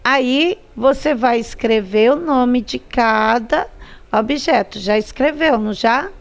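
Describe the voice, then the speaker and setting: A woman teacher with a Brazilian Portuguese accent, patiently explaining a lesson, drawing out syllables and repeating words for emphasis. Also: a little high. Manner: drawn-out syllables, repeats words to stress them. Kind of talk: slow, patient classroom instruction.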